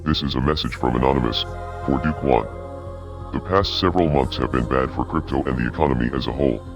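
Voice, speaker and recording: A man delivering a scripted video statement as an anonymous hacktivist spokesman, in a menacing, measured voice that is disguised and pitched very deep. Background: music.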